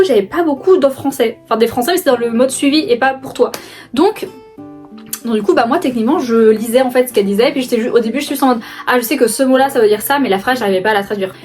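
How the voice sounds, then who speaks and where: A woman's voice: a little high, darkish tone. A young woman casually chatting to camera in a vlog, rambling with lots of fillers and restarts, laughing often. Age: young adult. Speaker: book vlogger. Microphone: phone camera.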